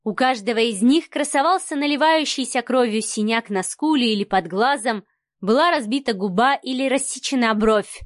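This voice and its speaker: A woman narrating a novel in a steady, expressive reading voice. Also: fairly high pitch, moderate pace, no echo, studio quality. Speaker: audiobook narrator. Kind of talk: scripted narration.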